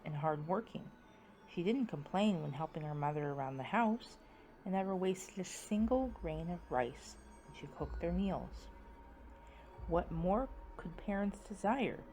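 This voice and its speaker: With a low voice, a woman performs a scripted story in a dramatic, playfully spooky style. Her delivery drifts from hushed, suspenseful moments into abrupt swells.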